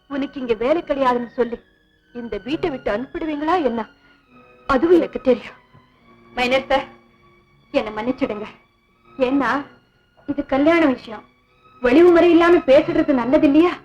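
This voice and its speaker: A proud, quick-witted young orphan woman from a 1960s film melodrama, with a high voice, as an actress plays her. She talks bluntly and reasons her case with her employer. Faint film music plays under her lines. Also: a little mellow, dull audio, lightly acted. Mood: calm, firm. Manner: blunt and reasoning, addresses him as sir. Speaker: household worker. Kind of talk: 1960s Tamil film acting.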